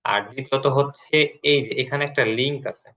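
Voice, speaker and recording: A man teaching an online English class, explaining slowly and repeating words as he goes. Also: mid-range voice, fairly even intonation, fairly bright tone, rough recording.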